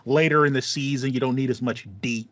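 An American man in his thirties co-hosts a casual gaming podcast, chatty, playful and full of slang. His medium-pitched voice stays fairly even and runs a little fast. He's in a small indoor home room with acoustic foam, so the recording is dry, slightly dull, and free of room sound.

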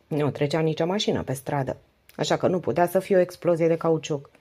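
A weary, devoted wife in her late forties pours out long, flowing confidences, read by a woman narrator. Her voice is low and mellow. A husky grain runs through it. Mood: confiding. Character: 48-year-old wife, talkative, devoted, weary.

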